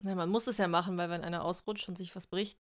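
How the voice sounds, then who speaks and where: A woman's voice: fairly low pitch, steady tone, fast. A young woman co-hosting a casual podcast chat, joking dryly, who also reads a story aloud. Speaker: podcast co-host.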